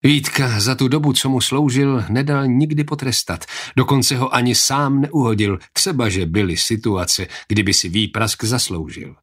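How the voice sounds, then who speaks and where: A man narrating an audiobook in a steady, even storytelling manner. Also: medium pitch, slightly rough. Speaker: audiobook reader. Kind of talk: scripted narration.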